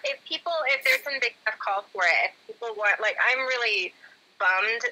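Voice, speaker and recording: A woman's voice: a little high, normal speed, noisy background. A woman co-hosting a casual live question-and-answer chat, teasing, giggly and rambling. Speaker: co-host and composer in a live Q&A.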